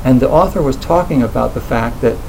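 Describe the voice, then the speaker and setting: A man with a gravelly, mellow voice talks in a loose, reflective way, often pausing on fillers and starting his sentences over. Faint room ambience sits behind him. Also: mid-range voice, a little hiss or hum, low-quality recording. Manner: hesitant, many fillers and restarts. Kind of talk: reflective conversational talk.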